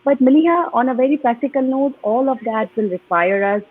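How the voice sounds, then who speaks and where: A woman from Pakistan answers interview questions earnestly, pausing on fillers. Her voice is husky and comes through a tinny, phone-like video call line. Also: high-pitched, expressive. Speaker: guest. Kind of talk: live online interview.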